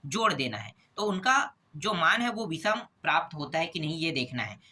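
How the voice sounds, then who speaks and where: A male maths teacher works through exam problems step by step, keeping his tone bright and sharp. He poses quick questions and answers them himself, checking in with a repeated "okay?". The voice is recorded close to the mic. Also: fairly high pitch, very animated, breathy edge.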